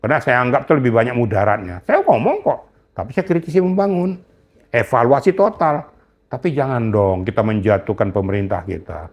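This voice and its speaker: A man's voice: mid-range voice, very animated, brisk, lo-fi sound. Older man, indignant, scolding, emphatic, interview guest. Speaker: retired police general, guest. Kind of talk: heated interview talk.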